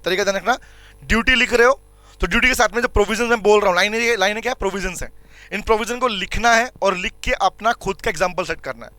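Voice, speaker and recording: A man's voice: sits high, sharp tone, dry recording. A man teaching commerce law in a classroom lecture, explaining with everyday examples, questioning his students and repeating key points. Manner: addresses students as beta and bhai, repeats points; reads English legal lines slowly and deliberately.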